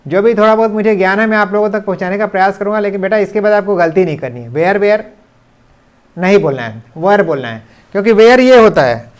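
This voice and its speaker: In this video lesson, set up like a classroom, a high-voiced man goes over English grammar. He's patient, repeats his example sentences at a slow pace, and mixes English sentences into what he says.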